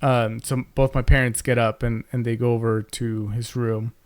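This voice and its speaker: A man's voice: medium pitch, level tone, moderate pace, clear, resonant tone, no room sound. A young man co-hosting a podcast, telling a family story in casual chat, rambling with many fillers and restarts into a close mic. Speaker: podcast co-host.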